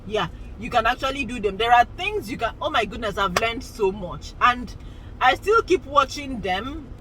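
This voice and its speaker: A vlogger in her forties chats casually to the camera, rambling and laughing often. Her voice is a little high and animated, her speed normal, with background noise in the recording.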